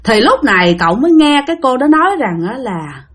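Husky woman telling ghost stories. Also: high-pitched, sing-song, a little fast. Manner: chatty, addresses listeners directly. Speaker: storyteller. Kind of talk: ghost story narration.

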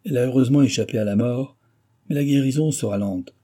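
A man's voice: medium pitch, quick pace, mellow, pitched above the performer's own voice, close to an everyday voice. A man voicing a stern judge presiding over a trial, speaking formally. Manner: formal, solemn. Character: stern older male court judge.

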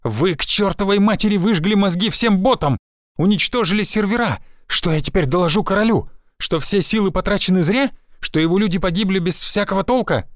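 A furious, foul-mouthed woman gang boss in an audiobook, yelling and cursing, as a male narrator raises his voice for her. Her lines come out pitched high and loud, in a dry, close sound. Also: sing-song, normal speed, no room sound. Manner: shouting, swearing, indignant.

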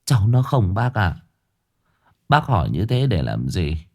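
A man's voice: low voice, sing-song, unhurried, gravelly, darkish tone, heavily acted. A man voicing a weary, polite older village woman who answers in a subdued, trembling way.

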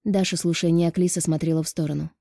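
Woman narrator, audiobook reading, mellow tone, lowish voice, dry close sound. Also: steady tone, quick pace, creaky, no room sound.

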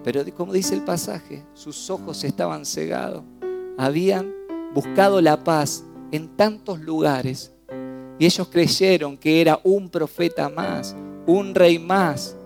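A man with an Argentine accent preaching a sermon in church, swinging between loud exclamations and hushed, low lines. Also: slow pace, gravelly, faint music behind. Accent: Argentine Spanish. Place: church service.

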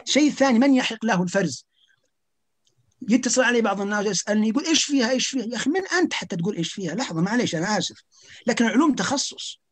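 A man speaking as a podcast guest, his voice sitting high for a man. He talks at a very rapid clip, firing off rhetorical questions and stumbling over repeated restarts as he pushes his argument. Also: animated. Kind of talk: podcast conversation.

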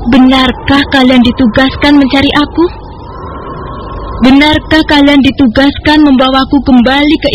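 Naive vain village lady, high theatrical voice, old-style radio drama, bit of noise. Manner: theatrical, hesitant repetitions. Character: naive, vain village woman dreaming of palace riches. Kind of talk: Indonesian radio drama acting. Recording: dull, noisy radio drama recording.

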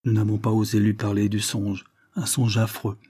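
Male reader voicing a young woman, earnest and emotional, lowish husky tone. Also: level tone, moderate pace, mellow. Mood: anxious.

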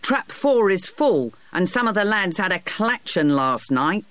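Man doing a watchman hailing a boat: high, quick, calling-out delivery. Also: sing-song, fairly bright tone, no echo, exaggerated voice. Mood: hopeful. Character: adult male city watchman calling out.

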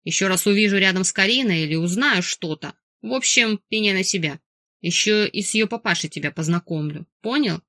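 An enraged young husband barks and growls his threats, as a woman reads him out. He is gruff and commanding. The audiobook sounds dry and close. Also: medium pitch, a little fast, hardly any pauses, bright, forceful tone, dry recording. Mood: furious.

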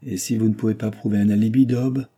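A man's voice: fairly low pitch, fairly even intonation, fast, mellow. A man doing a blustering good-natured partner. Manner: blustering, defensive. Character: hesitant good-natured male business partner.

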